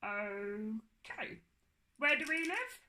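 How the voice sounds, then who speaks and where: A woman voicing a cheeky, hungry puppet creature boy, talking in a squeaky, silly way. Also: big pitch swings, pushed and bright, echoey room, exaggerated voice. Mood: puzzled. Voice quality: squeaky, high cartoonish voice. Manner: silly, greedy, quick to sulk.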